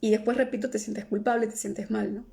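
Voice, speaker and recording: A woman's voice: medium pitch, fairly even intonation, brisk, creaky, dark tone. A woman teaching about emotions on a live stream, ending nearly every phrase with a questioning "¿no?" or "¿sí?" and answering viewer comments aloud. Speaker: emotional healing coach.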